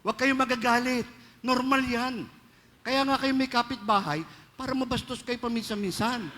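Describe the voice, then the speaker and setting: A Filipino-accented priest delivers a joking, story-driven homily in a blend of Filipino and English inside a large church. His voice is extremely high, steady, pushed and bright, at a normal speed. The reverberant hall adds faint ambience and slight background noise.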